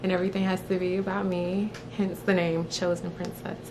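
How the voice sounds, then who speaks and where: A South Florida woman in her twenties, a beauty vlogger and licensed esthetician, chats playfully to camera about herself in a small room in front of a woven screen, calling herself a rambler. Her voice is fairly low with little pitch movement, and she talks fairly quickly. The background is noisy.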